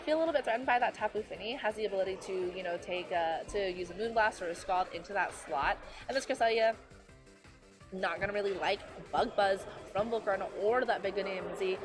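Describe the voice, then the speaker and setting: Female esports caster, hoarse from a long day, casual filler-heavy play-by-play over background music. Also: mid-range voice. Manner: chatty, filler-heavy, quick self-corrections. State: tired, losing her voice. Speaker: esports commentator. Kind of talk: live play-by-play commentary.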